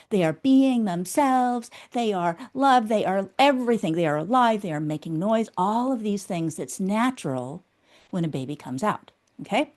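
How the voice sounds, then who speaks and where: A woman's voice: mid-range voice, a little mellow. A woman guest in an interview, explaining her theory in a teacherly way and checking in often with the listener. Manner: teacherly, checks in with a frequent "okay?". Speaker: guest, inner critic specialist.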